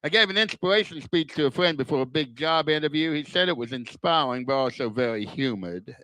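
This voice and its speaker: Older male comic, forceful and sharp, slurred whistling lisp as if front teeth are missing, self-deprecating stand-up. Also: on the high side, lively intonation, dry recording, low-quality recording. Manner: self-deprecating, deliberate punchline delivery. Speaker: stand-up comedian. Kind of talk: stand-up comedy routine.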